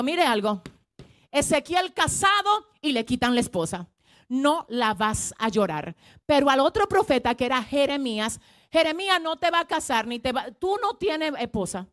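Woman pastor, high-pitched, dry close sound, call-and-response preaching with sudden loud bursts. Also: dry recording. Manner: swings from hushed asides to loud shouted proclamations. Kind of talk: sermon.

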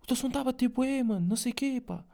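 This is a hyped-up young music manager with a European Portuguese accent, as a man puts him on in a solo podcast. He rattles off slang quickly in a voice pushed well above a dark, mellow natural tone. The delivery is breathless and eager. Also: gravelly. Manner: hyped, fast slangy pitch-raised talk.

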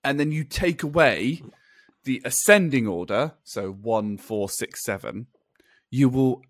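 A man's voice: medium pitch, measured pace, dry recording, clean studio sound. A man co-hosting a podcast in casual chat, rambling and laughing often as he explains things. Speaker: podcast co-host.

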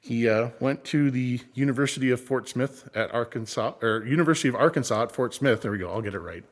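A mid-range-voiced man from the San Francisco Bay Area, who later lived in Minnesota, rambles through unscripted backstory, halting and correcting himself. He's the co-creator and an actor of a fictional small-town show, recorded in an echoey room with long reverb.

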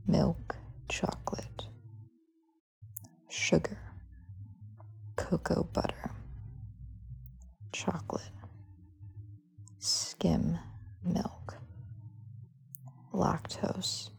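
A woman hosting a sleep podcast, whispering slowly and softly as she reads lists item by item. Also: fairly low pitch, fairly even intonation. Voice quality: breathy, husky whisper. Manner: slow soft whisper, reading list items one by one. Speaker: podcast host.

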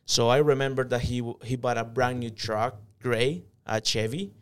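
A man's voice: mid-range voice, moderate pace, clean tone. A man from El Salvador, telling his life story as an interview guest in an earnest, reflective way with hesitant fillers. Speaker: interview guest, company manager.

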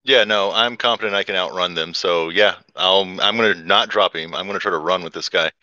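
A man's voice: deep voice, brisk, bright, forceful tone, no room sound, lo-fi sound. A man playing a tabletop role-playing game, talking through his moves with fillers and the odd swear. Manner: hesitant, swears, many fillers. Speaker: player. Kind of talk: tabletop game play, casual.

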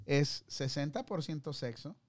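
A man with a high-pitched voice who jokes and teases the others in the group. His tone is playful and loose, full of slang. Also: a little slow, darkish tone. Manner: joking, teasing the others. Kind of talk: casual chat.

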